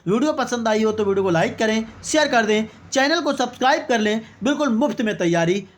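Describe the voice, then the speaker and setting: A chatty online teacher running a quiz-style exam-prep lesson. The voice reads each answer option aloud as a rhetorical question, then settles on the right one with a quick "okay, exactly". Viewers are addressed throughout as brother and friends. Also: mid-range voice, lively intonation.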